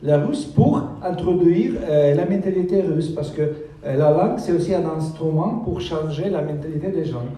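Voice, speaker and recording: A man's voice: a little high, moderate pace, dark tone, distant mic. A man answering interview questions as a guest author, talking hesitantly with many filler sounds as he searches for words. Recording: echoey room, voice from off-mic.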